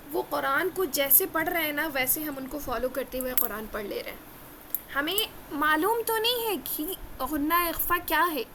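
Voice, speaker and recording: Earnest woman teacher, high voice, repeats and slows for emphasis, slight hiss under the recording. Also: sharp tone. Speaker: Quran recitation teacher. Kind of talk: religious lesson.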